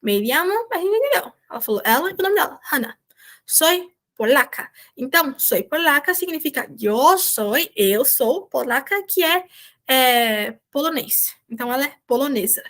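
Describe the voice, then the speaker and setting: A woman's voice: high-pitched, animated, normal speed, a bit bright. A woman, a volunteer teacher, explaining Spanish vocabulary in an online class and checking in with her students often. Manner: explains patiently, checks in with "certo?".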